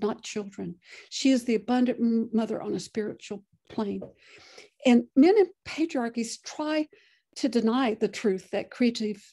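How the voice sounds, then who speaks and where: A woman giving a lecture, often pausing and restarting her sentences. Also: on the high side, warm tone. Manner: halting, many restarts and fillers. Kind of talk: lecture presentation.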